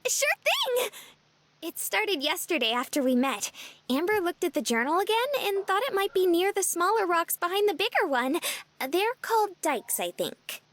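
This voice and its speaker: A very high, bubbly young girl. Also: sing-song, moderate pace, a bit bright, no echo, heavily acted. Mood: cheerful. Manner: sunny and eager. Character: cheerful, bubbly young woman, friendly and chatty. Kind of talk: game voice acting.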